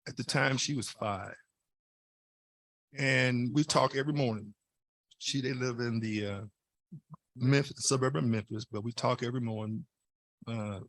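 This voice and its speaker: A man's voice: medium pitch, vocal fry, fairly bright tone, no room sound. An older man giving a conference talk as an outreach official, telling homespun anecdotes and building to emphatic points. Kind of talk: storytelling speech.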